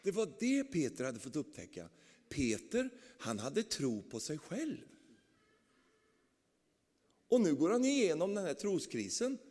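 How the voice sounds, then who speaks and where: A man's voice: on the high side, huge pitch swings, pauses often, dark tone. A man preaching a sermon, telling the story animatedly with frequent tag questions. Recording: long reverb of a large hall.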